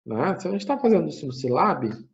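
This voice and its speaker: A man giving a math lecture, thinking aloud step by step, often checking in with a quick tag question and correcting himself as he goes. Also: fairly high pitch, big pitch swings. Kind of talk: recorded classroom lecture. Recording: muffled lo-fi recording.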